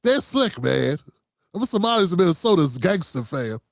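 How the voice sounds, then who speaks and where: A man's voice: high-pitched, big pitch swings, moderate pace, vocal fry, no room sound, clean studio sound. A man hosting his own commentary show, talking loosely and profanely, rambling and calling his viewers "fam". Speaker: host. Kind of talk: casual political commentary monologue.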